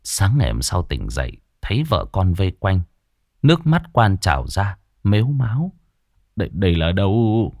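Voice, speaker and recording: A man's voice: sits low, normal speed, no room sound, clean studio sound. A man narrating a horror folk tale in a dramatic storytelling style. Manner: animated, swooping delivery. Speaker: audiobook narrator.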